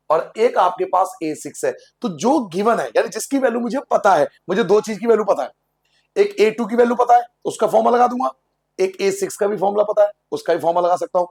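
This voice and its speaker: A man's voice: high voice, husky. A man teaching a school maths lesson to students, asking questions and answering them himself, repeating each step in a sing-song way and joking with the class. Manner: playful, jokes with the class.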